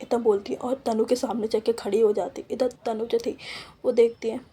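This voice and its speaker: A woman's voice: a little high, little pitch movement, fairly quick, warm tone, slightly rough. A woman telling a story in a chatty, casual way, dropping in English asides.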